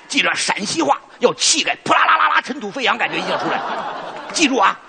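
A man's voice: sits high, big pitch swings, fairly quick, creaky. A man from Shaanxi doing live crosstalk comedy, cheeky, teasing and stubborn with his partner. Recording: live theater, audience noise.

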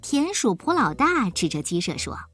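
Brief: animated woman reading a kids' story, a little husky, music faintly underneath. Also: fairly high pitch, moderate pace. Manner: expressive, lively storytelling. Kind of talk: children's storybook narration.

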